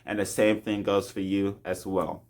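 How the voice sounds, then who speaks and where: A man in a confessional devotional talk to camera, earnest and open about his faith. His voice sits on the low side and he breaks into soft laughs between thoughts. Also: level tone, moderate pace.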